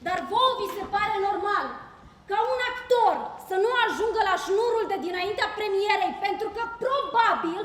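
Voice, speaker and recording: An actress playing a calm, principled activist actress who speaks in a measured, pointed way, recorded on a theatre stage. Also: female voice, extremely high pitch. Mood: indignant. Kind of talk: stage play acting. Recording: echoey theatre hall.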